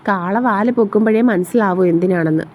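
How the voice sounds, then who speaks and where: A woman voicing a sharp-tongued young woman who mocks and scolds. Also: medium pitch, fairly quick, a little hiss or hum, close to an everyday voice. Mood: mocking. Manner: mocking, scolding.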